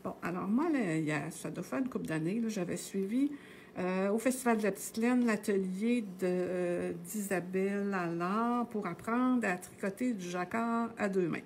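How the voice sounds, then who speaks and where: A woman's voice: medium pitch, moderate pace, a little mellow, a little hiss or hum. A middle-aged woman with a Québécois French accent, casually teaching knitting on a live stream. She talks in a chatty, meandering way, full of hesitations and tag words.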